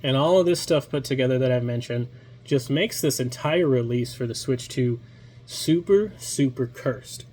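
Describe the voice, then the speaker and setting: A man's voice: mid-range voice, moderate pace, a little mellow. A man with a nasal voice from being sick, giving a chatty, casual video game review with many ums and uhs.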